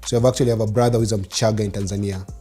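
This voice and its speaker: This is a Kenyan man in his forties, Swahili his first language, recounting his life story conversationally as an interview guest. His lowish, warm voice stays steady while he races along, with soft music in the background.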